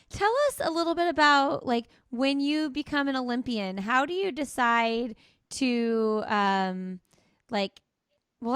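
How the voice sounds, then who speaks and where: A woman's voice: fairly high pitch, fairly bright tone, clear, resonant tone, no room sound, studio quality. A woman hosting a podcast, asking questions in a rambling, hesitant way. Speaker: podcast host. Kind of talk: interview questions.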